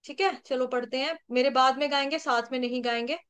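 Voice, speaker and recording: A woman's voice: high voice, brisk, a bit bright, clean tone. A woman teaching an online class, spelling out syllables one by one and chanting verse lines for students to repeat. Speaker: scripture recitation teacher.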